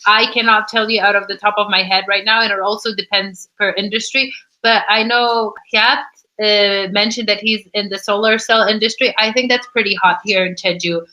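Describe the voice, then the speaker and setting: Bright-voiced woman hosting a chat. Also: medium pitch, steady tone, normal speed, muffled recording. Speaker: host. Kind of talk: casual livestream chat.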